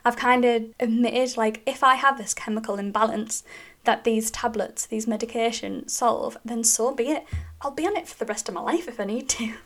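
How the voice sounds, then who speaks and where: A young woman with a British accent hosting a podcast, talking candidly and casually and laughing often between thoughts. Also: on the high side. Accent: British English. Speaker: podcast host. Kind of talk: personal podcast monologue.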